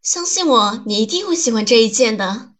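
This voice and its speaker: A woman's voice: fairly high pitch, animated, a little fast, noisy background, lightly acted. A woman acting a doting partner who coaxes and soothes in a comedy skit. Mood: coaxing. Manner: coaxing, pleading, soothing.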